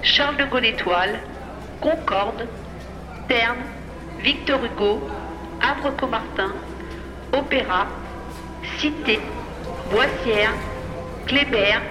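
Woman on a station loudspeaker, slow and formal. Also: fairly high pitch. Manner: measured, even, reads a list of station names one by one. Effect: public address announcement over a station loudspeaker. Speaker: transit announcer. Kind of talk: formal recorded safety announcement. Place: underground metro station. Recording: echoey loudspeaker in a long reverberant hall, music behind.

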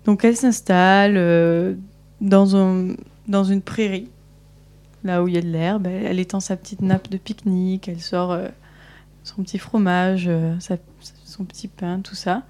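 A woman's voice: mid-range voice, steady tone, normal speed, darkish tone. A woman telling a story on live radio, hesitant with many fillers.

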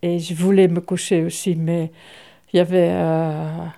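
An older woman, a great-grandmother, recalling her past in a halting, wry way. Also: fairly low pitch, little pitch movement, creaky, warm tone. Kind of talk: personal recollection for a documentary.

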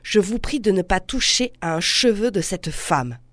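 A strong man calmly and firmly warns another man off, voiced by a woman reading. His tone stays peaceable, and the recording is dry. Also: medium pitch, moderate pace, dry recording. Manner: peaceable, quiet, firm. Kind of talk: literary reading aloud.

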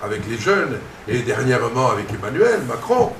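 A man who gives masterclasses as a voice coach speaks slowly and emphatically in a public conversation. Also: mid-range voice, vocal fry. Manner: slow, emphatic, lively intonation. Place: conference hall. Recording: echoey hall, distant mic, faint noise.

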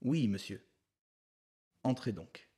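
A man's voice: mid-range voice, animated, slow, mellow, slightly rough, heavily acted. A man voicing a polite, earnest male secretary guiding a visitor, courteous and explanatory.

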